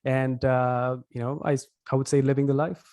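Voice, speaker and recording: A man from Mumbai with an Indian accent, a podcast producer answering interview questions in a webinar, talking at length with many pauses and restarts. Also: mid-range voice, flat delivery, darkish tone, no echo, clean studio sound. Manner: thoughtful, elaborate, frequent "uh" and restarts.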